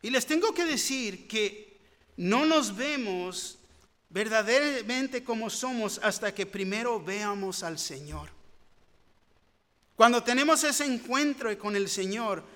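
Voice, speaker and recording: High-voiced man preaching a sermon. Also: lively intonation, slow, sharp tone. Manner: earnest, rising to fervent pleading. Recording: long hall reverb.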